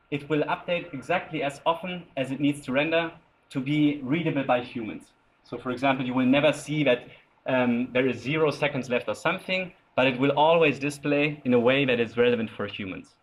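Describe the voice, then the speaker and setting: A man giving an informal lightning talk with a live demo, explaining as he goes in short, halting phrases. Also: medium pitch, low-quality recording. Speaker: software developer presenting at a tech meetup.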